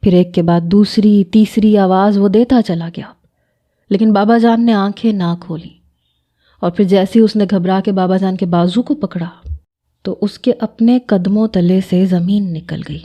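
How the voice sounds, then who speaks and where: A woman narrating an emotional story in a soft, measured, sorrowful way. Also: mid-range voice, steady tone, dull audio.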